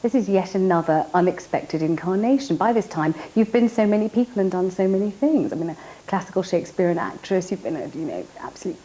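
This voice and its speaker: A woman hosting a television interview in a mellow, rather dark voice. She talks quickly, puts brisk questions and pays her guest compliments along the way. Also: fairly low pitch, animated, slight background noise, low-quality recording. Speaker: talk show host.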